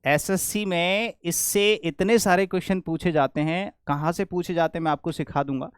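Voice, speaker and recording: High-voiced Indian man teaching grammar. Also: steady tone, normal speed, clear, resonant tone, no echo, studio quality. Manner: explains step by step, repeats questions back to the class. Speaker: English teacher. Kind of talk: classroom grammar lesson.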